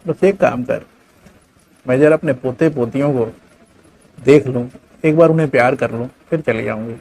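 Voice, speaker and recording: A man voicing a gentle, sad old mother who pleads softly and forgives. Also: fairly high pitch, animated, normal speed, slight background noise, lightly acted. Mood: gentle pleading. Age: over 60. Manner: soft, hushed pleading.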